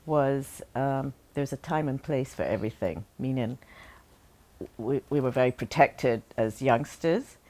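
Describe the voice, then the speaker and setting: Barbadian woman, very low voice, halting and heartfelt, reflective interviewee. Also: animated, mellow. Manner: halting and heartfelt, many pauses and restarts. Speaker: interviewee, daughter remembering her late mother.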